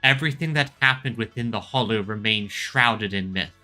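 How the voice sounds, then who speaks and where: A man's voice: on the low side, normal speed, bright, forceful tone, soft background music. A man giving casual commentary as he plays a game and reads its text aloud, sometimes stumbling over names. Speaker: game player and streamer.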